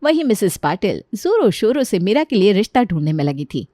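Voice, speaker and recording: A woman's voice: medium pitch, very animated, fairly quick, warm tone, dry recording, studio quality. A woman narrating a cartoon story in a chatty, scripted style, talking straight to the listener. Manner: chatty, addresses listener directly.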